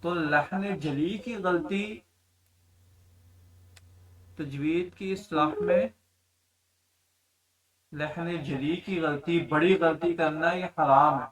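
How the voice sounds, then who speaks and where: A man's voice: on the high side, far from the mic, poor audio. Man teaching recitation, set back from mic. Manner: explains in plain speech, then chants verses slowly. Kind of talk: tajweed lesson with demonstrations.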